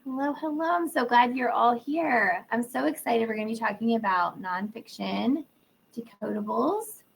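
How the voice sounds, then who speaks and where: Losing her voice to a cold and sore throat, a literacy educator still welcomes each webinar attendee by name in a breezy, upbeat manner. She speaks at a normal speed in a fairly high, gravelly, husky voice from an indoor room, captured on a low-quality recording with slight background noise.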